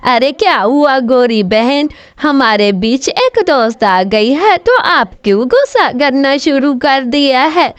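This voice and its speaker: A woman voicing a kind, trusting young female sparrow who gently coaxes and pleads with her friend. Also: sits high, lively intonation, slow, hardly any pauses, dry recording, highs cut off. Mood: coaxing. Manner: soft coaxing, gentle pleading. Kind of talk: storybook cartoon voice acting.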